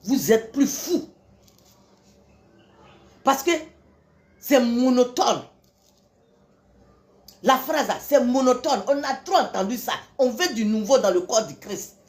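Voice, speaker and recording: A woman's voice: a little high, expressive, a little slow, long pauses. Scolding woman preacher. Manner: scolding, repetitive, rhetorical questions, frequent "hein". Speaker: self-styled preacher. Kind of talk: impassioned religious tirade.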